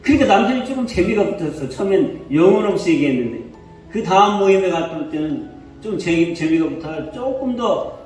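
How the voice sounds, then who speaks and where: A male pastor preaching a sermon in a church, telling a story with lively questions to the congregation. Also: high-pitched. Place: church sanctuary. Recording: echoey church hall from far off, faint music.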